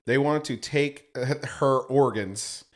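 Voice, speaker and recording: Brief: male co-host, mid-pitched everyday voice, relaxed, quick short reactions. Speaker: podcast co-host. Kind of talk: casual podcast chat.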